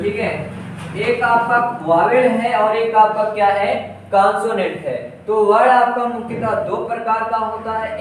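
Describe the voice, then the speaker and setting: A man with a high voice teaches an exam-prep grammar lesson, repeating key words slowly and answering his own questions. He sounds set back from the mic in a very echoey room. A faint hiss sits under his voice. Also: distant mic.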